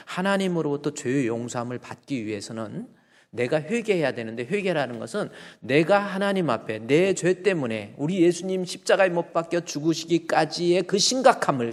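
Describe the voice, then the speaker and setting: A man's voice: medium pitch, big-room sound. A male pastor preaching a sermon emphatically, acting out apologies in dialogue. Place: church sanctuary.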